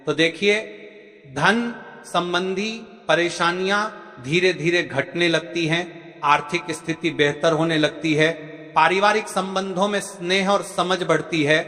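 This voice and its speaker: A male religious preacher gives step-by-step devotional instructions, addressing his listeners directly as devotees and often checking in with a repeated "okay". His high-pitched voice is fairly even in intonation, a little slow, pushed and bright, with a big-room sound.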